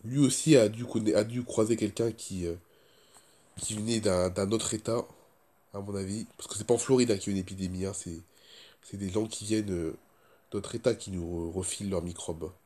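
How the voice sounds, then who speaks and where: His voice is low, dark and stuffy from a cold and sore throat. He delivers a casual first-person vlog chat fairly quickly with fairly even intonation, rambling and repeating himself.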